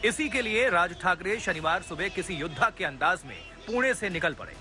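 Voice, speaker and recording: Over a music bed, a news reporter voices a video package, delivering scripted television narration with emphasis and drama. His voice is high-pitched with lively intonation, and he keeps a moderate pace.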